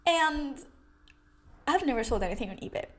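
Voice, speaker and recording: A woman's voice: high-pitched, lively intonation, normal speed, fairly bright tone. A young adult woman telling a personal story in a casual vlog, chatty, with many fillers and restarts. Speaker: vlogger.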